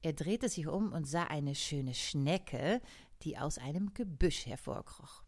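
Brief: unhurried woman narrator, warm and low, reading aloud. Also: animated. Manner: slow, deliberate narration. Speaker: reader. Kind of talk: live storybook reading.

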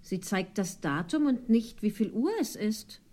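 A woman's voice: medium pitch, expressive, unhurried, dark tone, close to an everyday voice. A woman as polite, puzzled Alice. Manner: polite and careful. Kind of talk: audiobook drama reading.

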